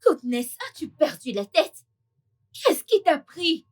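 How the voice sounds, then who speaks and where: A woman's voice: sits high, very animated, slow, exaggerated voice. A woman dubbing a wronged young woman who pleads and begs tearfully in a French film dub. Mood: pleading.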